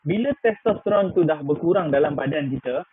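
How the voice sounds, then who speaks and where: A man's voice: on the high side, a little fast. Malaysian man in his thirties on a tinny line. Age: 30s. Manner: chatty, many "ah" fillers, mixes in English words. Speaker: product presenter. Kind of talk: live online sales talk. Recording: tinny phone-like line with faint noise.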